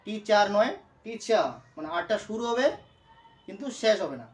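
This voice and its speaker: A man teaching a pronunciation lesson, speaking slowly and repeating words as he breaks them into syllables. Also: high voice, animated, recorded from a distance. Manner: slow, repetitive, breaks words into syllables aloud. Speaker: English teacher. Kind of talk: classroom lesson explaining pronunciation.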